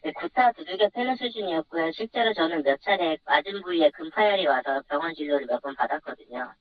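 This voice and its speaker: An anonymous guest speaks through a deep pitch-shifting voice disguise. The delivery is subdued and measured, at an ordinary pitch for the disguised voice. It arrives over a dull, lo-fi phone line. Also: lively intonation. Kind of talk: phone-in news interview.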